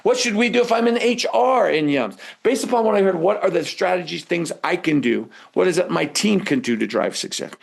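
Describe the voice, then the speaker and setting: A man with a high, gravelly voice teaches a live webinar, keeping it conversational and prompting his listeners with rhetorical questions.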